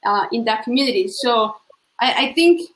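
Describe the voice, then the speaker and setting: A young woman speaks as a panelist, reflective and full of fillers. Her voice sits a little high. The room around her is echoey. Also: animated, normal speed, fairly bright tone. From Colombia. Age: young adult. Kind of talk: panel discussion answer.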